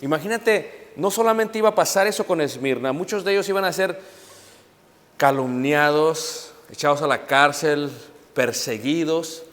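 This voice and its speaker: A man's voice: fairly high pitch, moderate pace, a bit bright. A middle-aged man preaching a sermon, emphatic and repeatedly calling out to the congregation. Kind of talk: Spanish-language sermon. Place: church hall. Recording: long hall reverb.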